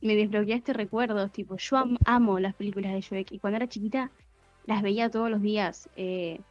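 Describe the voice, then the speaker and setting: A woman's voice: medium pitch, steady tone, brisk, dry recording. A young woman co-hosting a casual podcast, speaking in an earnest, reflective way. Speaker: podcast co-host. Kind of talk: casual chat. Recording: dull muffled sound with faint music.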